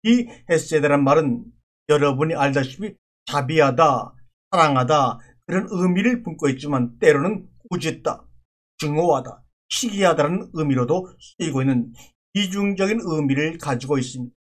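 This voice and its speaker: A man with a somewhat high-pitched voice preaches a sermon as a pastor, animated and at a moderate pace. He works through scripture earnestly in a teaching manner, circling back to repeat key words.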